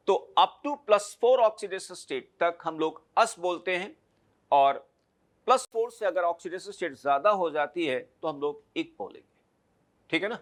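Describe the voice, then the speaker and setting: A man teaching a chemistry lecture, explaining step by step and checking understanding with short tag questions. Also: high-pitched. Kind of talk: classroom lecture.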